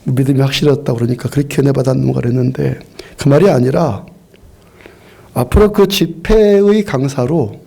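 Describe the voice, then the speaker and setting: A middle-aged man preaching in a church sanctuary. His voice is mellow and gravelly with a husky edge. He tells his story earnestly, often repeating and restarting his phrases. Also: medium pitch, normal speed. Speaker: pastor. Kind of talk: sermon.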